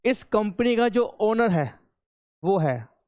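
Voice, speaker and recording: A man's voice: sits high, very animated, slow, a little mellow, no echo. A man with an Indian accent teaching an online accountancy class, chatty and coaxing his students to reply.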